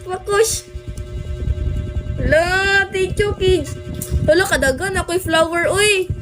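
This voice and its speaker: A woman's voice: very high-pitched, takes it slowly, music in the background. A woman from the Philippines with a Filipino accent, chatting on a livestream and greeting viewers by name. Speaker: livestream host. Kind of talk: casual livestream chat.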